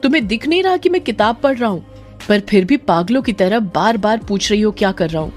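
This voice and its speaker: A woman voicing a young husband who angrily shouts and scolds in a storybook tale. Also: medium pitch, normal speed, soft background music, close to an everyday voice. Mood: angry shouting. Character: angry young husband, bookish and harsh.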